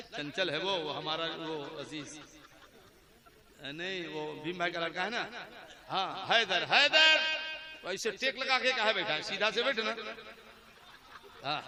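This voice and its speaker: Male preacher, high voice, sermon style, calls on the audience to respond; recorded live, crowd behind. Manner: addresses the crowd, asks them questions and calls for responses. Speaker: Islamic preacher. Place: large outdoor gathering.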